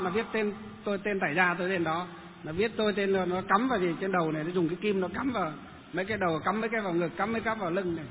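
High-voiced monk telling a story. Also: male voice. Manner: lively, rhetorical questions. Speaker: Buddhist monk. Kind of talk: storytelling talk. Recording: tinny phone-like sound with long reverb and faint noise.

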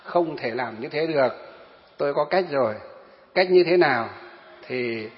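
A man's voice: a little high, expressive, unhurried. A Buddhist monk, telling a story in a sermon and often asking his listeners rhetorical questions. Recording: dull echoey hall sound.

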